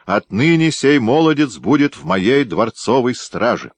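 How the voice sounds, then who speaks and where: A man's voice: medium pitch, sing-song, unhurried, slightly rough, dry recording, pitched above the performer's own voice, exaggerated voice. A man voicing a stern, commanding tsar in a storybook reading.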